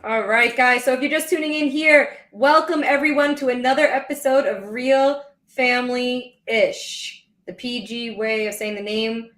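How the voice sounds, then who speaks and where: A woman's voice: a little high, fairly even intonation, measured pace, fairly bright tone. Bubbly woman co-host in an echoey room. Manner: bubbly, giggly, chatty. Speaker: podcast co-host. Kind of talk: casual live podcast chat.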